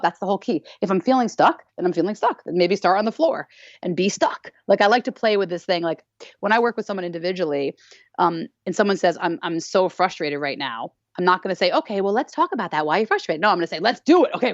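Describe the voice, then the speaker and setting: A woman dance teacher talking in a podcast interview, animated and playful, acting out little voices and laughing often. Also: fairly low pitch, brisk, dry recording. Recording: dull lo-fi sound.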